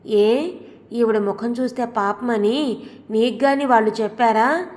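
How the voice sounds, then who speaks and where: A woman's voice: fairly high pitch, fairly even intonation, unhurried, a little mellow, close to an everyday voice. A woman voicing a meek middle-aged husband who answers in a plain, mildly pleading way. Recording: long hall reverb.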